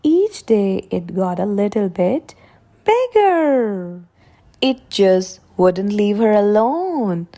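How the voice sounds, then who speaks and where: A woman with a medium-pitched voice reads picture books aloud for young children. She's deliberate and expressive, drawing out her words.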